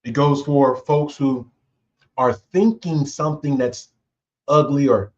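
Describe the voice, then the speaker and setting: A male host chats slowly and casually about workplace conflict as leadership talk, often tacking "right?" onto his points. His voice is mid-range, and the recording sounds a bit dull and muffled.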